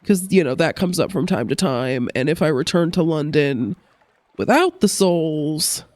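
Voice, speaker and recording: This let's play host speaks in a low, darkish voice that is expressive and measured, with the congestion of someone getting over a cold. She offers casual gameplay commentary, thinking out loud as she goes. The recording is dry.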